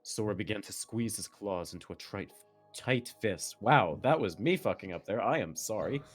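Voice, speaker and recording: Very low-voiced, melodramatic story reader. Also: animated, moderate pace, faint music behind. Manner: melodramatic narration, breaking into laughter and asides. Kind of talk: dramatic fan fiction reading with joking asides.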